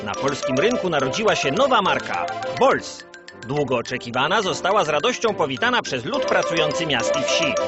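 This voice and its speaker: A slightly high, fairly fast male voice with wide pitch swings narrates like an old communist-era newsreel, grand, solemn and rousing in a scripted mock-propaganda style. The sound is dull and lo-fi, buried under loud music.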